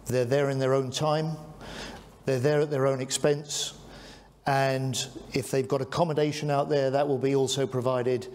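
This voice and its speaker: A man hosting a press conference as defence secretary, calling on reporters by name and answering their questions in a measured way. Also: medium pitch, little pitch movement, darkish tone.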